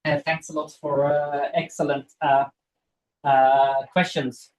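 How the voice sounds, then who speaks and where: A man's voice: on the high side, little pitch movement, slow pace, a little mellow, rough recording. A man answering questions after an academic talk, hesitant, with many fillers and restarts. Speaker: seminar speaker answering questions.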